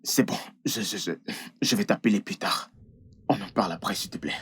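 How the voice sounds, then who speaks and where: A man's voice: lowish voice, moderate pace, a bit bright, breathy edge. A man dubbing a jealous, hot-tempered husband who talks in an accusing, insistent way. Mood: upset. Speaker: dubbing actor. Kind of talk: French film dub.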